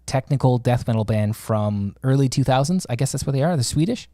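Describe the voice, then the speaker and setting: A man's voice: medium pitch, expressive, brisk, mellow, dry recording, studio quality. A man hosting a podcast, chatting casually in a friendly, rambling way with many fillers and some swearing. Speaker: podcast host. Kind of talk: casual interview chat.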